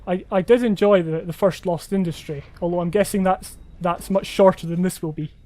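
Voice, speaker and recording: A man hosts a gameplay video, thinking aloud in a chatty, self-deprecating way. His voice sits high and mellow, holds a steady tone, and runs a little fast.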